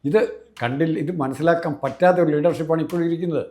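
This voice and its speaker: A man, a political commentator talking fast and emphatically, piling up examples. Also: on the high side, a little mellow. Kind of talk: political discussion.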